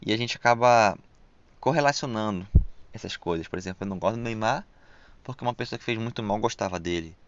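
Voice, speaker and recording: Young Brazilian man, low gravelly voice, shushing s, loose slangy solo podcast monologue; dry, muffled lo-fi recording. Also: fast talker, dry recording. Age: young adult. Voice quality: hissing s sounds pronounced as sh. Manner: rambling and reflective, with frequent slang and fillers. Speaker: podcast host.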